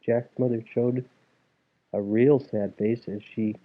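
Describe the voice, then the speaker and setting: Reading a fairy tale for kids, a man speaks slowly and steadily in a mid-range voice, still giving it a lively storytelling feel. Everything sounds narrow and tinny, almost phone-like.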